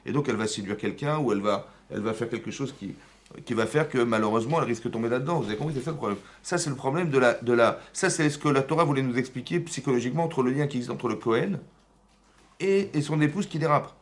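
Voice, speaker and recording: A French rabbi teaches a class in a synagogue at a middle pitch. He talks in a lively, rhetorical way, putting questions to the room and answering them himself. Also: fast. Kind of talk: Torah class.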